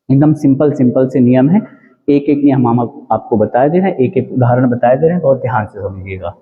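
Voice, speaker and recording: A man with a fairly high voice leads an exam-prep grammar lesson, repeating each rule and quizzing the listener again and again. He draws out and spells out the syllables of every example word, and the tinny, lo-fi audio carries a long, ringing echo.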